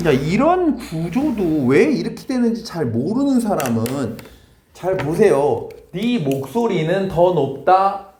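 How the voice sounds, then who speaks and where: 높은 목소리로 퀴즈 내듯 설명하는 남자 영어 강사. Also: male voice, high voice, big pitch swings, darkish tone, echoey room, slight background noise. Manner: brisk, quizzing students, switches between Korean and English. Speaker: English teacher. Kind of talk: classroom grammar lesson. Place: classroom.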